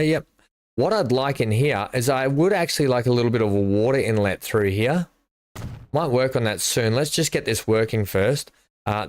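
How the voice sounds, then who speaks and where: A man's voice: medium pitch, no room sound. A middle-aged man, chatting and thinking aloud while he streams a building game live. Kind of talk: live gameplay commentary.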